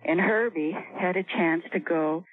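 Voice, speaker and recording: An older woman calling in to a radio show over the phone, speaking softly and hesitantly. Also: fairly low pitch, unhurried, dry recording. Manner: soft-spoken, hesitant. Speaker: caller. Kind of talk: call-in radio talk. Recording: tinny phone line, dry.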